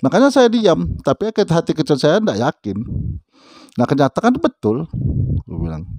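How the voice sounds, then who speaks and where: A man's voice: a little high, wildly swooping pitch, normal speed, a little mellow, dry recording, studio quality. A man casually telling a personal story, speaking conversationally and often turning to the listener with little asides. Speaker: storyteller recounting a personal experience.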